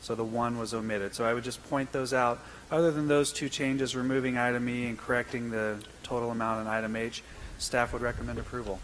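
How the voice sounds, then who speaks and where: A man's voice: medium pitch, level tone, a little fast, a bit bright, rough recording. A man, a city official, presenting agenda items at a council meeting in a businesslike, explanatory way. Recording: faint background noise.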